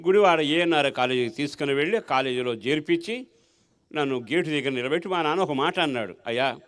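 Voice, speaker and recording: A male pastor telling his life story in a sermon, asking rhetorical questions and swinging between strong and soft feeling. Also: on the high side, fairly quick. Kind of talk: sermon testimony.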